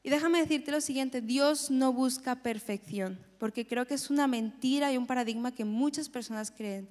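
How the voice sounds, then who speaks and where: Young woman, earnest sermon, emphatic repetition, high voice, church hall reverb. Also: normal speed, darkish tone. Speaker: preacher. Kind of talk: sermon with personal testimony.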